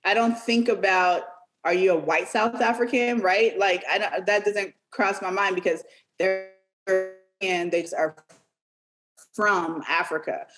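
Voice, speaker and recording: A woman co-hosting a casual podcast discussion, asking probing, animated questions. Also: medium pitch, unhurried, faint music behind. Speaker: podcast co-host.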